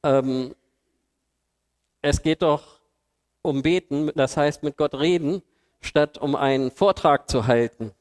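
A man delivers a sermon in a church hall in a colloquial, humorous way, full of rhetorical questions. His voice sits a little high for a man. Long reverb from the hall trails each phrase. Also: slow pace, pauses often, clean tone. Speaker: preacher. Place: church hall with projected slides.

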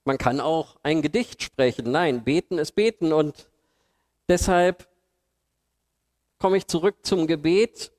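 A man's voice: on the high side, slow pace, pauses often, darkish tone. A man preaching a sermon in a church hall, colloquial and humorous, asking his listeners questions. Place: church hall with projected slides. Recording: long hall reverb.

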